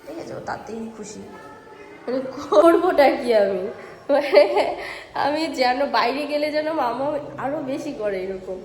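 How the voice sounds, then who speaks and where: A woman with a hoarse voice from a cold, vlogging casually and coaxing a toddler in sing-song baby talk at an indoor play area. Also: high-pitched, animated, measured pace. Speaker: vlogger and mother. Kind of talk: casual vlog narration and talking to a toddler. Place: indoor play zone in a housing society. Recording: echoey hall with faint noise.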